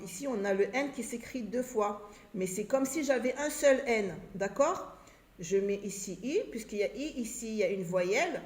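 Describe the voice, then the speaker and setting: A woman teacher leads a reading lesson, drawing each word out slowly and repeating it so young learners can follow. Her voice sits at an ordinary middle pitch. The room around her has a noticeable echo. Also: darkish tone. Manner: slow, deliberate, repeats each word and syllable. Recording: roomy echo.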